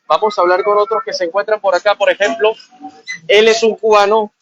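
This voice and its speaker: A man reporting live from outdoors, his fairly high voice asking plain questions in a conversational tone. The field audio sounds muffled. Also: little pitch movement, fairly quick, fairly bright tone. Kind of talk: live street reporting and interviews. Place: outdoors among a migrant caravan.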